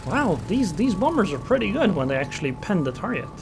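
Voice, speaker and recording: Over music, a man whose voice sits high, with big pitch swings, talks briskly as he gives casual live commentary on a naval battle game. His native language is Estonian, and as a gameplay commentator he thinks aloud, muttering plans and reactions amid game engine and gunfire sounds.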